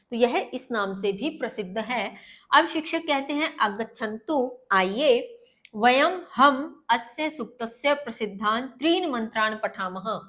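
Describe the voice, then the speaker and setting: A woman Sanskrit teacher, explaining a textbook lesson slowly, glossing each word and repeating it. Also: on the high side, a bit bright.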